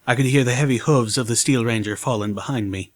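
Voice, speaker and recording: A man's voice: medium pitch, fast. Man narrating a fan fiction audiobook.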